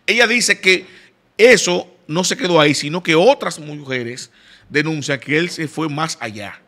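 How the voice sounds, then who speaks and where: Man, Dominican accent, high pitch, bright forceful tone, emphatic, repeats himself, panel debate. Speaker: panelist on a talk show.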